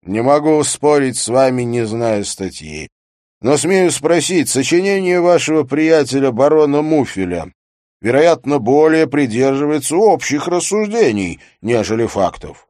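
A man voicing a sarcastic, blunt provincial gentleman who grumbles and drags out his words in an audiobook. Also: medium pitch, lively intonation, unhurried, dry recording, studio quality, lightly acted. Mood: sardonic grumbling. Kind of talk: audiobook character reading.

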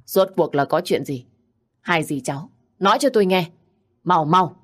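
A woman's voice: sits low, brisk. A woman voicing a stern, impatient father-in-law.

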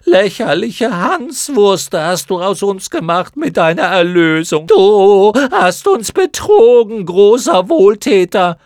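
A man voicing a swarm of clownish moth creatures in an audiobook, with a shrill, screeching, mocking manner. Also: sing-song, takes it slowly, hardly any pauses, dry recording, studio quality, full character voice. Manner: mocking, rowdy chorus. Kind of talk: audiobook character voice.

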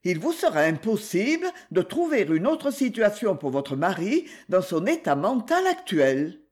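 A woman's voice: medium pitch, big pitch swings, measured pace, a little mellow. A woman voicing a composed, courteous lady who questions a suspect lightly and politely. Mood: calm. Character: calm genteel lady investigator, amiable.

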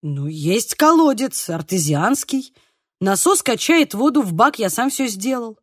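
A woman reading the part of a calm, practical middle-aged village man in an audiobook, explaining things plainly and patiently. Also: fairly high pitch, unhurried, breathy edge, no echo, studio quality, heavily acted.

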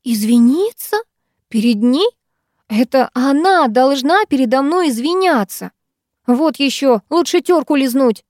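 A woman reading an audiobook aloud, voicing an angry, heartbroken older sister who shouts sarcastic accusations. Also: sits high, lively intonation, a little slow, no room sound, clean studio sound.

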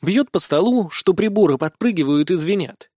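A man with a notably high voice narrates a first-person fantasy story. He reads wryly and colloquially, slipping in mild curses. The sound is bone-dry and close. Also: animated, moderate pace, dark tone, no room sound. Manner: wry, colloquial, with mild swearing. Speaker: audiobook narrator.

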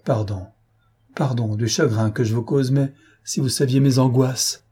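A man's voice: medium pitch, fairly even intonation, a little slow, warm tone, breathy edge. A man voicing a feverish, bedridden young man, agitated and imploring, in an audiobook. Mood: anguished.

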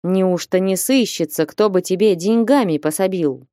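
A woman voicing a blustering, hot-tempered old male merchant in an audiobook, scolding and shouting. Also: medium pitch, normal speed, no echo, studio quality, natural voice. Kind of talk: audiobook reading.

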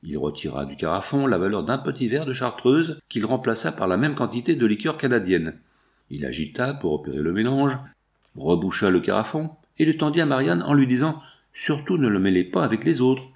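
A man reading a novel aloud as the narrator, in measured, even scripted narration. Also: medium pitch. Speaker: audiobook narrator.

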